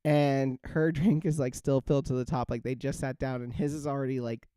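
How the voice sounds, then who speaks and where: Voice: mid-range voice, steady tone, fairly quick, mellow, clear, resonant tone, no room sound, clean studio sound. A podcast host chatting casually, rambling through fillers and breaking into laughter.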